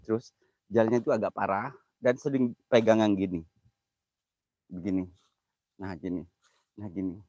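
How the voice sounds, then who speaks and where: Young male vlogger, husky low voice, jokey livestream banter, dry close phone sound. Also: fairly even intonation, normal speed, long pauses, mellow, no room sound. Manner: jokey, laughs often, greets viewers. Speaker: host of a comedy ghost-hunting livestream. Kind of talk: casual joking livestream chat. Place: outdoors by an old well. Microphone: phone camera.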